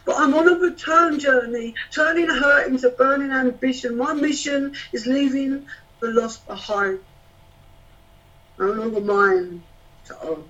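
A man's voice: very high voice, fairly bright tone. A man, a spoken-word poet, performing rhythmic rhyming verse and chatting hesitantly with fillers between poems. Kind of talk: spoken-word poetry performance and casual chat. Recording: distant, dull lo-fi sound.

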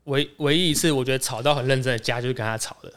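Rapid-talking young man. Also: medium pitch, clear, resonant tone. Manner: animated, rapid storytelling with quick restarts. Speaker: podcast co-host. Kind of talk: casual chat storytelling.

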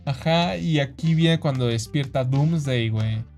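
A Mexican man telling a story in a relaxed podcast chat. His speech is full of slang, and he keeps dropping "güey". He keeps acting out what other people said at a middling, average pitch. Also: measured pace, faint music behind. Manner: animated storyteller, acts out quoted voices, slangy, says güey constantly. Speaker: podcast co-host. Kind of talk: casual chat.

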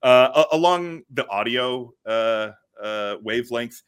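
A young man on a casual podcast, talking in halting bursts with frequent restarts. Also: mid-range voice, lively intonation, a bit bright, smooth. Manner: halting, many restarts and nitpicks. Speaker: podcast co-host. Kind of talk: casual chat.

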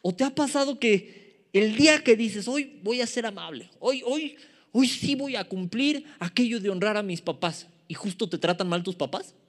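A Mexican man delivers a sermon in a notably high-pitched voice. He speaks informally, teases himself, and keeps turning to the congregation with rhetorical questions. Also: lively intonation, normal speed. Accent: Mexican Spanish. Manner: informal and self-deprecating. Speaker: preacher.

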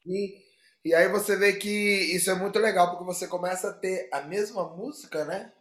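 High-voiced Brazilian man in an echoey room. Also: a little fast, fairly bright tone, slight background noise. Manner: explanatory, checks in with others. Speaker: host. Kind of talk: casual chat explaining songs.

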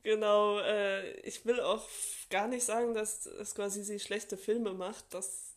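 A young adult woman co-hosting a casual podcast, talking in a relaxed, chatty way with lots of fillers. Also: medium pitch, slow. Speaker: podcast co-host.

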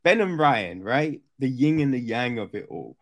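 A man in a casual discussion as an interviewer, talking haltingly and often checking for agreement. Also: medium pitch, very animated. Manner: halting, seeks agreement with repeated "right?". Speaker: interviewer giving film feedback. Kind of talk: casual conversation, film discussion.

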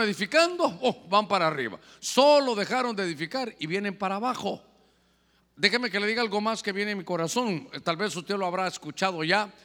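A man preaching a sermon, calling his listeners brother and asking them questions, moving between loud emphasis and quiet asides. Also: sits high. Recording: long reverb of a hall.

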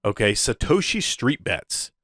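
A man's voice: medium pitch, very animated, a little slow, a bit bright, no room sound, studio quality. A man hosting a casual crypto update in the gushing, hyped-up manner of a crypto bro, often chuckling as he talks. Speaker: crypto video host.

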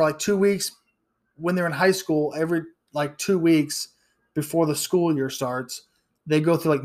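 A man in his thirties hosting a solo podcast, ranting bluntly and profanely with frequent restarts and stumbles. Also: a little high. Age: 30s. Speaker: podcast host.

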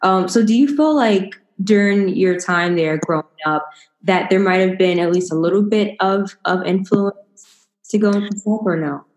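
A woman interviewing a guest, speaking haltingly with many restarts and filler words. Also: mid-range voice, darkish tone, echoey room. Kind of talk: interview conversation.

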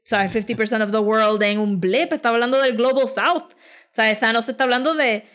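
A woman's voice: on the high side, normal speed, fairly bright tone. A woman with a Caribbean Spanish accent from Puerto Rico, speaking casually and with opinion as a podcast co-host, often switching into English. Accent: Puerto Rican Spanish.

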